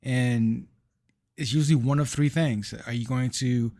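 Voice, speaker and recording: Slow, halting man reviewing a game. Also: mid-range voice, steady tone, mellow, no room sound, studio quality. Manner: slow, halting, searching for words. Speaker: gaming podcast co-host. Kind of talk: casual chat and game review.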